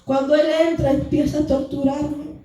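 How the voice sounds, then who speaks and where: A woman's voice: high-pitched, flat delivery, moderate pace, mellow. A woman giving an earnest, fervent testimony to a church congregation, calling them brothers. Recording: echoey church hall, distant mic, music behind.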